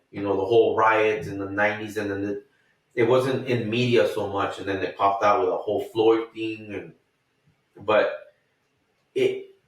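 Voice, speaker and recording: A man's voice: fairly low pitch, far from the mic. Profane, rambling man telling stories. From United States. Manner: profane, rambling, animated retelling with acted quotes. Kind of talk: casual storytelling. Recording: echoey room, off-mic.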